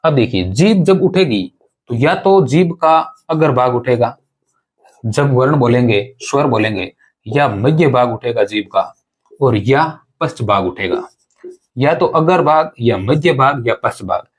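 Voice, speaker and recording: A man's voice: mid-range voice, animated, a little slow, breathy edge. A man teaching an exam-prep grammar lesson, explaining step by step, repeating points and asking rhetorical questions of his students.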